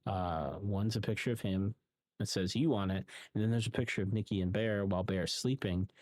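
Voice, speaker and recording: Halting, low-voiced man recapping a film. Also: fairly even intonation, a little mellow, no room sound. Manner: rambling, halting, frequent ums and restarts. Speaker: film reviewer. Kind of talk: casual spoken recap.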